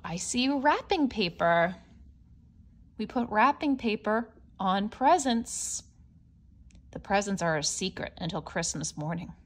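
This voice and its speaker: With a medium-pitched voice, a woman presents a storybook read-aloud for young children, stretching words for expression and explaining simply in a teacherly way.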